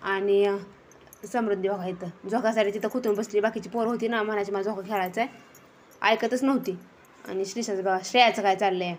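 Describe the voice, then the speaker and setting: At medium pitch and a little fast, a young woman narrates her family vlog outdoors in a garden with fairly even intonation and a bit of hiss or hum. As a mother, she chats casually and scolds the kids from time to time.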